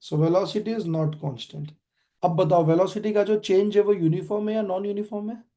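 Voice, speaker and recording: A man with an Indian accent teaching physics online, quizzing students with quick questions and switching between Hindi and English. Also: high-pitched, steady tone, warm tone. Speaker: physics tutor. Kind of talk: online classroom lecture.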